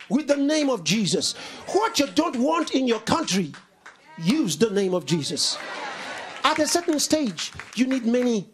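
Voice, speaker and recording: A pastor in his fifties preaching to a congregation, emphatic and repetitive, swinging from shouts to low, quiet lines. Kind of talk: sermon.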